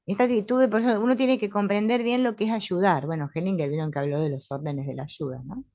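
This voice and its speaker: A middle-aged woman with a Rioplatense Spanish accent, calmly and confidently teaching a spiritual therapy class, often asking "right?". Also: mid-range voice, quick pace, dry recording. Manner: calm, assured, with frequent tag questions. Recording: dull, lo-fi sound.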